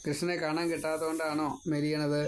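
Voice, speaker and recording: A man giving a devotional scripture discourse, retelling and explaining the story in a measured, storytelling manner. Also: on the high side, flat delivery, slight background noise, rough recording. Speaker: scripture teacher.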